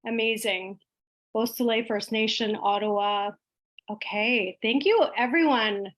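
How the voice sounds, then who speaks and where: Slow, halting woman. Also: a little high, a bit bright. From Iqaluit, Baffin Island, Nunavut, Canada. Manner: halting, pausing often mid-sentence. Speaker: guest speaker at an online event. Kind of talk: informal talk to an online audience.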